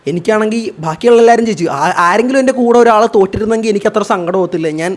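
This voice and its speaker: A young man in his twenties from Kerala, telling a personal story in an emotional, animated way for a Q&A vlog. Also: sits high. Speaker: vlogger.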